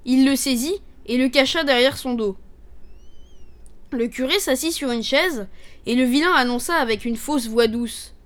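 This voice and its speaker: A woman narrating a storybook fable in a steady, clear reading voice. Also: high voice, moderate pace.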